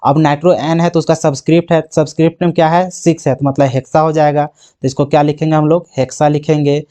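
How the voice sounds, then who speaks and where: Male chemistry tutor, slightly high voice, repetitive question-and-answer drilling. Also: little pitch movement, quick pace, warm tone. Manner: asks rhetorical questions and answers them himself; keeps checking if students understood. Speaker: chemistry teacher. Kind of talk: exam-prep lesson.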